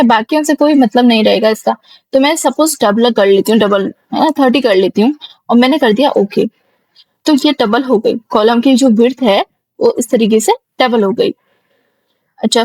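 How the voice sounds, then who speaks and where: A woman teaching a screen-recorded software tutorial, explaining each step slowly and repeating herself as she goes. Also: fairly high pitch, no echo. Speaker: computer teacher.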